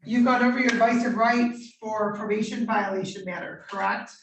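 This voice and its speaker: A woman judge conducting formal court proceedings in measured, procedural questions, heard on a courtroom recording. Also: on the high side, steady tone, a little hiss or hum. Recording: roomy courtroom audio from a distant mic.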